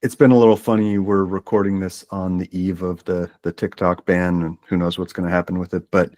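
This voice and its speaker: A man co-hosts a podcast in casual conversation, relaxed and wryly reflective. His voice is very deep and low. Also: fairly quick. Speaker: podcast co-host. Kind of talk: casual chat.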